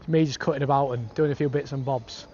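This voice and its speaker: With a mid-range, slightly mellow voice, a British travel vlogger chats casually outdoors among city streets and a park. His phrasing is laddish and full of slang, and the recording has dull lo-fi outdoor sound with street noise.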